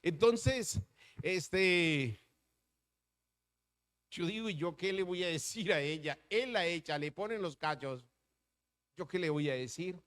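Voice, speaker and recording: A middle-aged pastor preaches a sermon, his voice sitting high for a man. He throws rhetorical questions at the congregation and slips into telling stories from his own life. He shifts between slow, stressed phrases and quick asides. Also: expressive, a bit bright.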